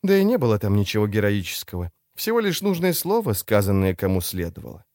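A man voicing a cool, mysterious woman courier in an audiobook, wry and low-key. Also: wildly swooping pitch, fast talker, darkish tone, no echo, studio quality. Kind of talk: audiobook character voice.

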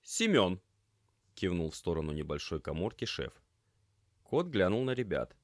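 A man narrating an audiobook with expressive storytelling. His voice is very low yet lively in its pitch movement. The recording is close and dry. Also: normal speed, no room sound. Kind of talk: scripted narration.

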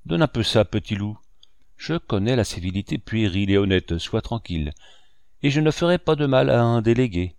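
A man voicing a cunning old pirate captain in an audiobook, calm and mocking in manner. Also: lowish voice, moderate pace, vocal fry, smooth, no echo, clean studio sound. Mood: sly. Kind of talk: audiobook reading.

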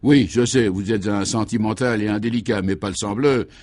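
A man voicing a dapper, fastidious police commissioner in his fifties in a vintage radio play, speaking in a clear, crisp, commanding way. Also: lowish voice, a little mellow, natural voice. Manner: crisp, commanding, fussily precise.

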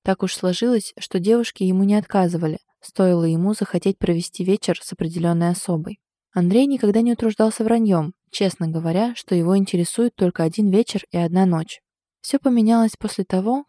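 A woman narrating an audiobook story in an even storytelling manner. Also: mid-range voice, a little fast, no echo, studio quality.

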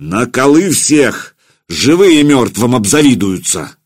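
A brash, hot-tempered warlord in an audiobook, loud and eager for a fight. A man voices him with a lively, rising pitch and a husky edge. The sound is close and dry. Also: slow, no room sound, heavily acted. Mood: blustering. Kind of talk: audiobook character voice.

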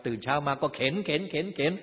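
An older man, a Buddhist teacher, giving a dharma talk in a teasing, rhetorical way and often asking his listeners whether they see. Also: quick pace. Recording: dull, lo-fi sound in a long-reverb hall.

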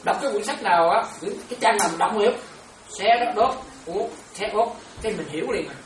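Buddhist nun chatting in an echoey hall. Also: female voice, mid-range voice, animated, brisk. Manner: chatty, laughing, addresses listeners as children. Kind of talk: informal dharma talk. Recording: roomy, from far off, crowd around.

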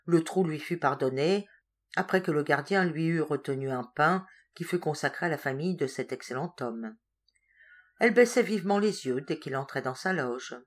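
A woman narrating a literary story in a measured, expressive reading voice. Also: low-pitched. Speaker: audiobook reader. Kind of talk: scripted narration.

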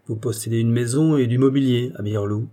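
A man's voice: mid-range voice, a little fast, natural voice. A man voicing a stiff, sour tax collector who speaks curtly and sharply. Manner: curt and sharp.

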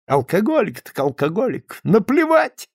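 A maudlin drunk man pours out his heart in an emphatic, swinging voice with a gravelly edge, as a male reader puts him on. He pleads and boasts by turns in an audiobook reading. The sound is close and dry. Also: sits high, wildly swooping pitch, moderate pace, no echo, voice pushed up, full character voice. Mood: maudlin, boastful. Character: drunken, self-pitying male friend confessing.

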